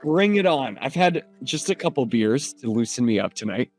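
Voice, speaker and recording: A man's voice: mid-range voice, sing-song, moderate pace, soft background music. A man hosting a podcast in casual chat, chatty and upbeat as he hypes up a guest. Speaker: podcast host.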